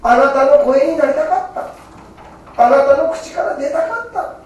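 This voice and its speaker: A man's voice: extremely high pitch, expressive, moderate pace, pitched above the performer's own voice. A man voicing a joyful fatherly Buddha. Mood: exultant. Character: Amida Buddha, a fatherly eternal parent rejoicing. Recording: very echoey hall, mic far off.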